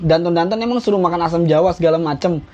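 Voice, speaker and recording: This drill instructor is a young man whose fairly high, slightly mellow voice moves quickly. He reads drill commands from a rulebook during a live stream, joking bluntly in a casual teaching style, and the audio is dull and lo-fi.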